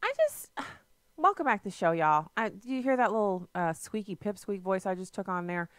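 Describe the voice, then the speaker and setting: Folksy, heated talk radio hostess. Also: female voice, mid-range voice, fairly quick, clean tone, no room sound. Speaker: radio talk show host.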